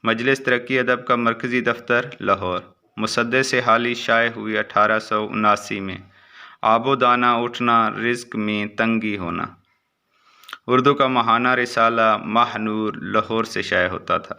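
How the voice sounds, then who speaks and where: A man reading short exam answers aloud as a teacher, in a steady recitation with brief asides. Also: mid-range voice, creaky, clean tone.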